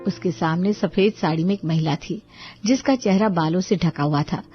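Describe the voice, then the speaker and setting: A woman narrating an animated storybook in a steady, storytelling manner. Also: lowish voice, normal speed. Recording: dull lo-fi audio with music.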